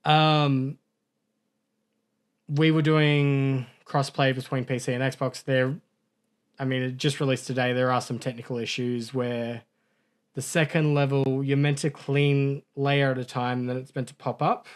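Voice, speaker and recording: Telling a meandering story on the gaming podcast he co-hosts, this man corrects himself and laughs at his blunders. His mid-range voice is smooth and flat, and he takes his time.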